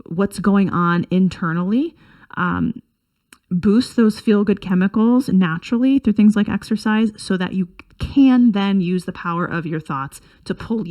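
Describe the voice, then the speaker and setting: A woman in her thirties with a somewhat low-pitched voice shares personal advice. She talks in an earnest, chatty way and often pauses to restart her sentences. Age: 30s. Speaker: wellness vlogger.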